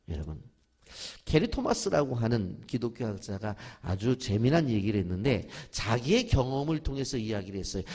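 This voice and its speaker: A man's voice: mid-range voice, gravelly, a little mellow, slightly rough. A middle-aged male pastor preaching a dawn prayer sermon, leading the congregation to repeat after him and acting out quoted voices. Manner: preaching with call-and-response to the congregation; acts out quoted voices of children and parents.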